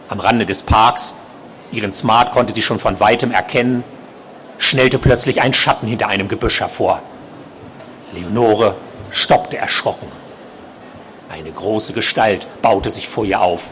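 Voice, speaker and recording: A male author reading from his novel at a book fair in a measured, expressive way. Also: lowish voice, a little hiss or hum.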